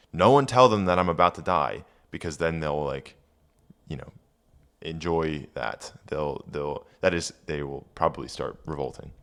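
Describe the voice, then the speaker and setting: A man's voice: extremely low pitch, a bit bright. A man reading Old English aloud and explaining it line by line in an informal, thinking-aloud way. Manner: hesitant, informal, thinking aloud while glossing words. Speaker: teacher reading and translating an old text.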